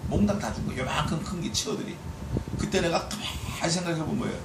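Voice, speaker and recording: A male pastor giving an expository sermon, preaching with lively emphasis and acting out dialogue. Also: fairly high pitch, fast talker, gravelly, noisy background. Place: church sanctuary. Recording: echoey church hall, distant mic.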